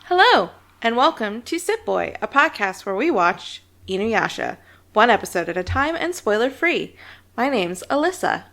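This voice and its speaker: A woman's voice: a little high, very animated, moderate pace, a bit bright. A woman podcast host talking in an informative, conversational way. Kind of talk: casual episode discussion.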